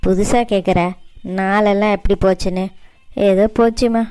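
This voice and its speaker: A woman's voice: mid-range voice, steady tone, moderate pace, a little mellow, smooth, soft background music, close to an everyday voice. A woman voicing a hardworking middle-aged mother in a cartoon, tired and resigned but tender toward her daughter. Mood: weary. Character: weary hardworking mother, a housemaid. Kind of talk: cartoon voice acting.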